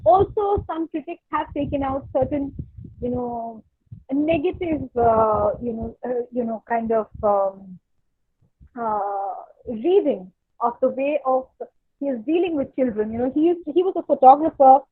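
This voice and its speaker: A woman's voice: sits high, unhurried, husky, dry recording. A woman giving an online literature lecture, hesitant and full of fillers and restarts. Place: home, online workshop. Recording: dry, tinny phone-like audio.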